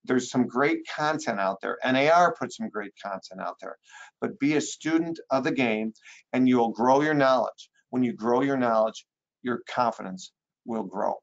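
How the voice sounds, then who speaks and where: A man's voice: mid-range voice, normal speed, vocal fry, highs cut off. A man giving a motivational webinar training as a real estate trainer, emphatic and coaching, repeating his key phrases.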